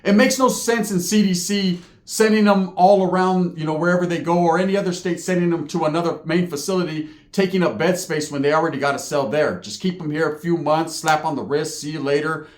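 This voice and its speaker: A man's voice: on the high side, steady tone, a little fast, hardly any pauses, echoey room. A man telling a story about his time in prison, streetwise and profane, full of slang and asides. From California. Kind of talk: casual storytelling.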